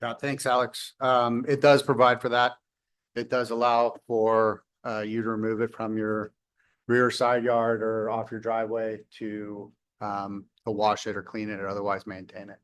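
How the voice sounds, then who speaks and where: A man's voice: fairly low pitch, flat delivery, moderate pace, a bit bright, clean tone. A man on city staff patiently explaining an ordinance at a public council meeting, with some ums. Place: council chamber.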